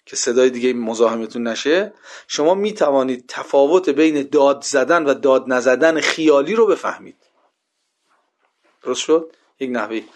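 A man giving a religious lecture to a class in a conversational way, often posing rhetorical questions and checking that listeners follow. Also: mid-range voice.

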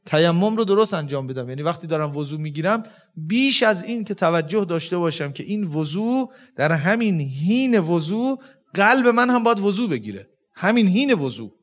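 A man's voice: high voice, lively intonation. A man giving a religious lecture, explaining step by step, quoting Arabic verses and asking rhetorical questions. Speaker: religious teacher.

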